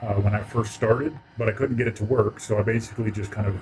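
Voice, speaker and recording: A man streaming a game, his voice run through a warbly pitch-shifting voice changer, making offhand joking asides. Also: fairly even intonation, fast talker, over music, poor audio. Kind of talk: casual let's-play commentary.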